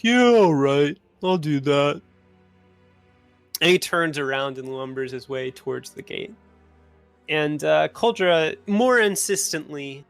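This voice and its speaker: A man narrating as game master in a tabletop game, rambling with frequent pauses and restarts. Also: fairly high pitch, creaky, a bit bright. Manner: rambling, many uhs and restarts.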